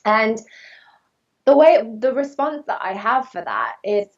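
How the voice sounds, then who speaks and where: A woman's voice: a little high, big pitch swings, a little slow, vocal fry. A woman telling her story as a podcast guest, speaking in an earnest, fluent and reflective way. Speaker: podcast guest, actress and body-image coach. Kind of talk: candid personal storytelling. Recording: distant, dull remote recording.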